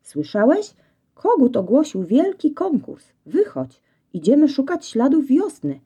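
A woman voicing an eager, excitable young male dog in a storybook, with bouncy, breathless enthusiasm. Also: high-pitched, measured pace, dull audio, voice pushed up, heavily acted. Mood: excited.

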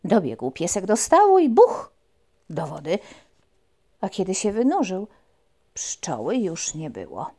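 A woman reading a children's story aloud, expressive and sometimes dropping to a whisper for effect. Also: on the low side, a little slow, pauses often.

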